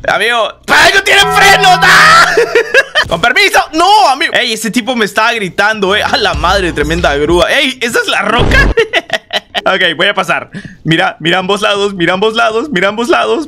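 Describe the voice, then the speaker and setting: A young man giving casual gameplay commentary, excitable, yelping and laughing often. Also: high-pitched. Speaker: gaming streamer.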